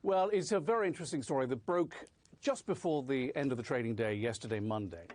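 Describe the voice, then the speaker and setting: A man's voice: medium pitch, fast talker, darkish tone. A man reporting live as a news correspondent, explaining in a conversational way.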